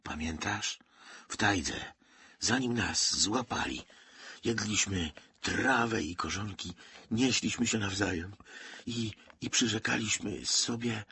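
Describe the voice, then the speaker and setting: A man's voice: sits low, expressive, measured pace, a bit bright, breathy edge, exaggerated voice. A man voicing a feverish, frightened young soldier in an audiobook who talks in a breathless, urgent whisper. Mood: pleading.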